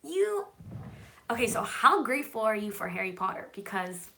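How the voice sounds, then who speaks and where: A woman from California whose first language is Hebrew hosts a casual livestream, answering viewer comments in a chatty, reassuring manner and frequently checking in with "okay?". Her medium-pitched voice is gravelly and fairly bright, swinging widely in pitch at a normal speed.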